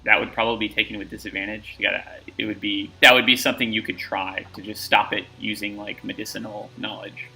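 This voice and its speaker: A man's voice: lowish voice, little pitch movement, quick pace, creaky, hardly any pauses, pushed and bright, poor audio. A man narrating a tabletop game as game master, talking loosely with lots of fillers and restarts.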